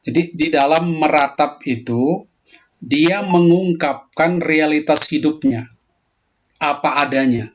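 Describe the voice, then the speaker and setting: A man gives a patient, explanatory talk on pastoral theology. He sits a little higher in pitch than most men, and the call audio comes through dull and lo-fi. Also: slow pace. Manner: explains calmly, voicing heated quoted prayers more loudly. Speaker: lecturer answering questions.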